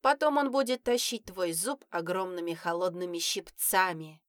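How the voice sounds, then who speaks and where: A woman's voice: fairly low pitch, lively intonation, moderate pace, no room sound, close to an everyday voice. A woman voicing a bossy, teasing older sister with a sly, taunting manner. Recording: dry close recording.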